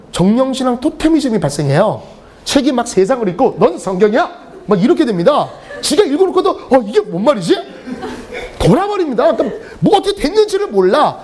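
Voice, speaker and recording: A middle-aged man teaching English to a class, telling joking stories and laughing between sentences. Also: extremely high pitch. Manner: animated, joking, often laughing mid-sentence. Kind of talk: lecture with humorous storytelling.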